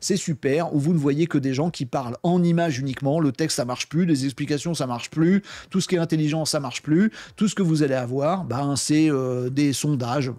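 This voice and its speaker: A man hosting a tech news video, giving casual, opinionated commentary full of fillers and animated asides. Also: a little high, no echo. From France.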